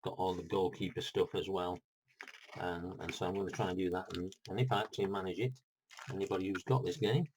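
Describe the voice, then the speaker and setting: Deep-voiced chatty man. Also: steady tone, a little fast, darkish tone, slight background noise, poor audio. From United Kingdom. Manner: rambling, chatty, with asides. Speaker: board game vlogger. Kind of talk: casual unboxing vlog.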